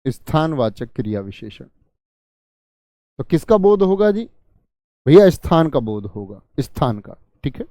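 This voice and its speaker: Male teacher, online grammar lesson, asks questions and answers them, warm tone, dry close sound. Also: medium pitch, sing-song, measured pace, pauses often, dry recording. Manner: questions students and answers himself.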